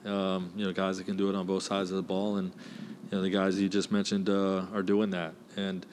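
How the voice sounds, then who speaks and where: Low-voiced man coach at postgame presser. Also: completely flat delivery, a little mellow, a little hiss or hum. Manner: measured, many "you know" fillers. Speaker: head basketball coach. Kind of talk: postgame press conference answers. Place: indoor press room. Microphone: desk mic, close.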